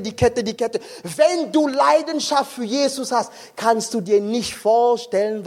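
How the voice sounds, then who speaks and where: A male preacher giving an impassioned sermon at a conference, firing questions at the congregation. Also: extremely high pitch. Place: conference hall.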